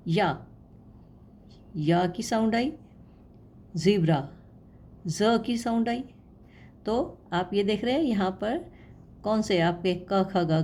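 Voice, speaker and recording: Woman, teacher, very slow pace, patient lesson style, faint background noise. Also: medium pitch, warm tone. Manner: patient, repeats sounds slowly and asks the viewer questions. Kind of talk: explanatory lesson.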